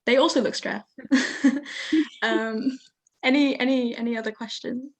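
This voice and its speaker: Young woman, host, video call, fairly high pitch, gravelly fry, hesitant, friendly. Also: fairly even intonation, a little slow. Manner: friendly, hesitant with many ums. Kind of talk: casual chat on a video call.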